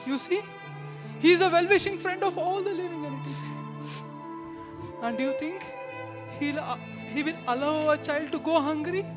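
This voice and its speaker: A woman playing a poor, devout husband who consoles his wife softly and preaches trust in God, in an amateur devotional stage drama. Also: sits high, moderate pace, pauses often, natural voice. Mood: consoling. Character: poor devout middle-aged man, gentle and trusting. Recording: sad violin music underneath.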